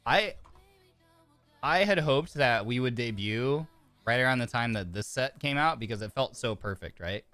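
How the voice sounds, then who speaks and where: His medium-pitched voice sounds pushed and bright, animated at a normal pace, with soft background music. He is a slightly congested man with a sore throat streaming a card game, chatting away, reading cards aloud, and frequently restarting and filling pauses.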